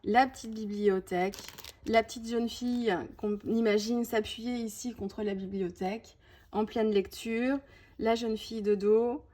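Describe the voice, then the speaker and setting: A woman's voice: fairly high pitch, steady tone, unhurried, mellow. A woman presenting a scrapbooking collection in a casual show-and-tell, chatty and full of small "hop" and "voilà" asides. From France. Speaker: scrapbooking video host.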